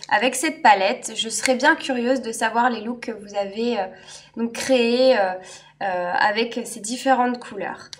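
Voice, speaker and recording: A woman beauty vlogger giving a casual makeup review, chatty and enthusiastic, with frequent hesitant fillers. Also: fairly high pitch. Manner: enthusiastic and friendly. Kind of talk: casual product review vlog.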